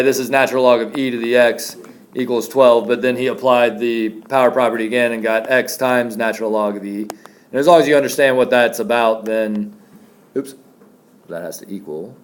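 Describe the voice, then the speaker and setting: Chatty male math teacher in class. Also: mid-range voice. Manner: chatty, jokey with students. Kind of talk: classroom lecture.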